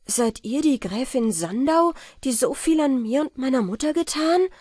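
A woman voices a modest, noble-minded young man who speaks in an eager, formal, polite, old-fashioned way. Her medium-pitched, slightly mellow voice is close to everyday speech, recorded dry with clean studio sound.

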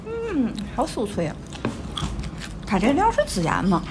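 A woman's voice: fairly high pitch, huge pitch swings, measured pace. Chatty tianjin accent lady doing a food vlog, voice goes up and down, noisy little restaurant. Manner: chatty, commenting on each bite. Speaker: food vlogger. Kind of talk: casual chat over a meal. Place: small busy restaurant, indoors. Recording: clattery, noisy small restaurant.

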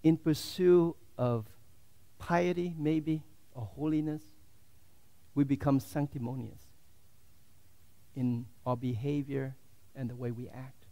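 A man preaching a sermon as a pastor in a church, swinging from loud, fervent declarations to hushed, quiet asides. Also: mid-range voice, steady tone, slow, gravelly, long pauses.

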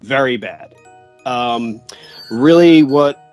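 A man's voice: medium pitch, slow, a little mellow, faint music behind. Laid-back man chatting on a video call. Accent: Philadelphia. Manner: laid-back, agreeable, lots of fillers. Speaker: podcast co-host. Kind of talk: casual chat.

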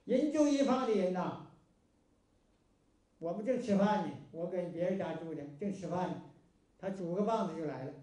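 A man's voice: high-pitched, moderate pace, pauses often. A man with a Northeastern Mandarin accent giving a folksy moral lecture, telling stories with homespun liveliness. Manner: homespun and lively, acting out dialogue. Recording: very echoey room, mic far off.

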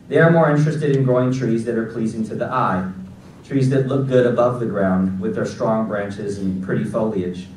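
A man in his forties gives a graduation keynote from a podium in a large auditorium. His voice sits a little low, and his delivery is measured and deliberate, read from a prepared text. The recording is strongly echoey and picked up from far back in the hall, with faint room noise. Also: darkish tone. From Los Angeles, United States. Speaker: keynote speaker. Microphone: podium mic, recorded by a far audience camera.

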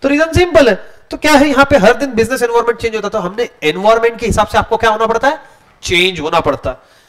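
High-voiced joking teacher. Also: male voice, fast talker. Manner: joking, storytelling, mixes Hindi and English. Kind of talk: casual classroom lecture. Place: classroom.

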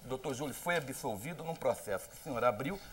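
A man's voice: medium pitch, expressive, fast, slightly rough. A man with a Brazilian accent, a journalist pressing a guest with combative, insistent questions in a heated televised debate. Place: television studio.

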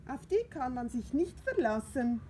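A woman's voice: high-pitched, very animated, normal speed, a little hiss or hum, pitched above the performer's own voice. Findus, a woman doing a grumpy little tomcat. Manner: sulky, whiny and loud. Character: grumpy jealous little male cat.

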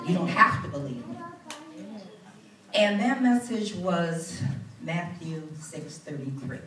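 Older female church minister, earnest testimony with fervent peaks, slow and low-pitched, heard from far off in a roomy sanctuary. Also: fairly bright tone, slight background noise. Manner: earnest, building to fervent bursts. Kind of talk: testimony speech. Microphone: handheld mic, far camera.

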